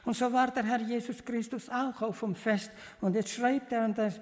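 A man preaching an earnest, fervent Bible sermon as a lay preacher, speaking in halting, loosely built sentences that restart and repeat. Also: extremely high pitch, steady tone. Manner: earnest, repetitive, addresses listeners as beloved. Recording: long reverb of a large hall.

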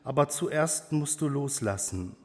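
A man reading out the calm, low reply of a heavenly voice, in a reverberant church hall. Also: unhurried, close to an everyday voice.

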